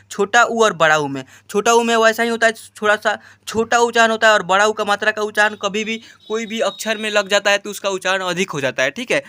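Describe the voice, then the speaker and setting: A man teaching a Hindi reading lesson who sounds out each syllable slowly and emphatically, then explains the pronunciation rules in a chatty, repetitive way. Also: high voice, sharp tone, smooth, dry recording.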